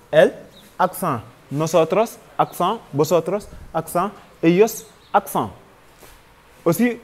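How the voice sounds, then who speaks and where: Slow, patient Senegalese French teacher. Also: male voice, high voice, a little mellow. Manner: patient, spells out conjugations one by one. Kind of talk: slow grammar lesson.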